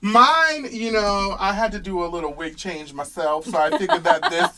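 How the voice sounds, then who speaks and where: A woman co-hosting a podcast in casual chat, animated and playful, laughing often. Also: medium pitch, normal speed. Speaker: podcast co-host.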